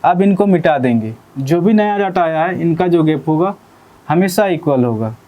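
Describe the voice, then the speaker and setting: A man's voice: a little high, animated, moderate pace, highs cut off. A man teaching an exam-prep maths lesson, explaining step by step, repeating key phrases and checking in with his students often.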